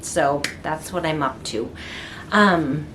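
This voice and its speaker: This middle-aged woman artist has a deep, slow, slightly bright voice, and there's a bit of background noise. Chatting informally to the camera in her indoor studio, she meanders with frequent ums and restarts.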